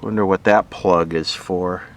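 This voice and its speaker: Looking over old equipment, the host of a vintage radio repair video offers casual, off-the-cuff commentary, musing aloud and questioning himself with a sardonic streak. His voice is low and steady, a little slow.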